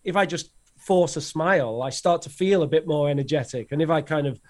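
A podcast co-host with a fairly high, brisk voice asks rambling, meandering questions in a casual interview. He hesitates a lot, filling gaps and restarting his sentences repeatedly.

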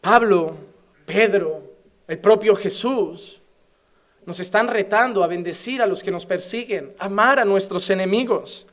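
A middle-aged man from Spain, speaking with a Castilian accent, preaches a sermon in a high-pitched, slightly slow, somewhat bright voice. He speaks with passion, fires off many rhetorical questions, and builds toward fervent exhortation.

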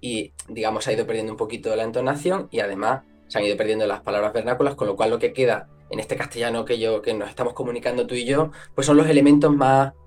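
A man's voice: mid-range voice, soft background music. A man from Extremadura with an Extremaduran accent, a guest explaining eagerly in a casual interview. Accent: Extremaduran Spanish. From northwestern Cáceres, Extremadura. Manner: fast, animated explaining with many fillers. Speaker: guest, language content creator.

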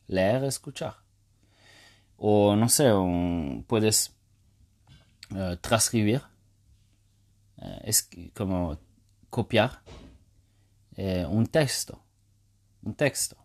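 Low-voiced hesitant podcast man. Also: a little mellow. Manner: hesitant, many fillers and restarts. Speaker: podcast host. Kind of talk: casual solo podcast talk.

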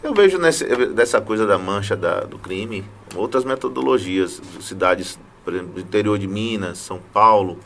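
A man's voice: lowish voice, animated, normal speed, gravelly, few pauses, a bit bright, slight background noise. A Brazilian man co-hosting a talk show, joking and giving rambling explanations. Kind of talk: casual chat.

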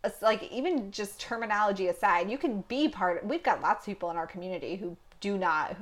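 A woman's voice: medium pitch, brisk. A woman in casual conversation, telling stories animatedly and laughing often. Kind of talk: casual chat.

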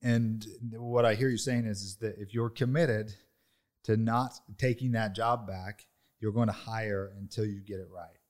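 Low-voiced man coaching in a chat. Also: fairly even intonation, moderate pace, darkish tone. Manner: coaching, emphatic, laughs easily. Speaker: podcast host. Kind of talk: casual business chat.

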